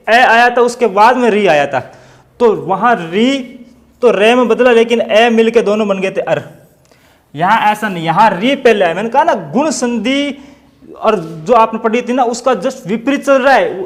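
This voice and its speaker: A man with a Hindi accent teaching a grammar lesson, explaining step by step and asking questions that he answers himself. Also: high-pitched. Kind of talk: classroom-style grammar lesson.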